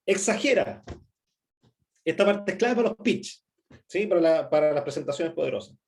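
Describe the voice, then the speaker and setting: Middle-aged Chilean male instructor, slightly high voice, chatty workshop delivery, constant check-ins and fillers. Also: animated, moderate pace, a little hiss or hum. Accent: Chilean Spanish. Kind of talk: presentation skills workshop talk.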